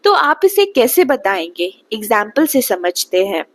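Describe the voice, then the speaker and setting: A young woman from Bihar gives a spoken English lesson in a slightly high voice. She talks slowly and patiently, with a lively rise and fall, and stops often to check that the listener follows. The sound is close and dry. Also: dry recording. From Bihar, India. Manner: slow, patient teaching, checks understanding often. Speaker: English tutor.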